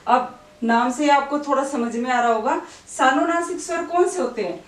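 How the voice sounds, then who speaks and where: A woman with a fairly high voice teaches a grammar lesson one step at a time. She asks questions and answers them herself, and has the listener repeat words with her. The voice is recorded from some distance from the mic in a room with plenty of echo. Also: normal speed. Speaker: Hindi teacher. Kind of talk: classroom-style grammar lesson. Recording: echoey room, voice away from the mic.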